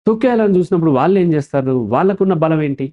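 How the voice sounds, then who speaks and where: The man's fairly high-pitched voice comes through dull audio, and he talks rapid-fire. He is a counselor guest in an interview who explains things animatedly and often asks a question, then answers it himself.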